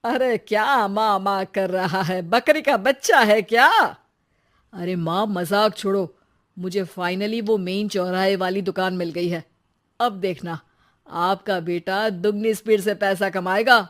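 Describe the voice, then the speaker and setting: An eager young shopkeeper husband, voiced by a woman for an animated story. He talks in an excited, teasing way, with an everyday mid-pitched voice. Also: measured pace, close to an everyday voice. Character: young married man, eager shopkeeper son.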